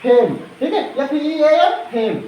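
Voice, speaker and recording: A man's voice: very high-pitched, big pitch swings, slow, mellow, slight background noise. A male teacher giving a phonics lesson to children, often quizzing the class with repeated questions. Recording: echoey classroom.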